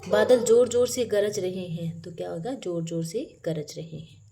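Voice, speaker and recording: A woman's voice: lowish voice, normal speed, mellow, a little hiss or hum. A woman teacher going through workbook grammar exercises, reading each question aloud and then explaining the answer.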